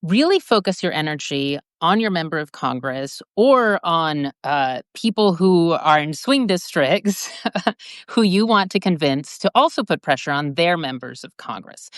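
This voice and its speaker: A woman's voice: fairly low pitch, a bit bright, no echo, clean studio sound. A woman from Peru, a democracy advocate, speaking earnestly and urgently as a guest in a political discussion.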